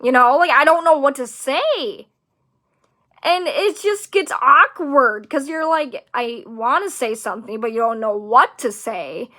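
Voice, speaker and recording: A woman's voice: sits high, animated, unhurried, sharp tone. A young woman hosting her own podcast, venting in a rambling, exasperated way, full of fillers. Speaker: podcast host. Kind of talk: casual solo podcast monologue.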